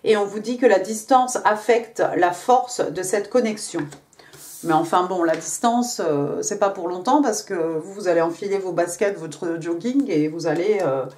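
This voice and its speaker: In a fairly low, somewhat mellow voice, a woman gives a relaxed tarot reading at a moderate pace. She talks chattily, filling gaps with fillers and "hein" tags, and reads the card wording in English.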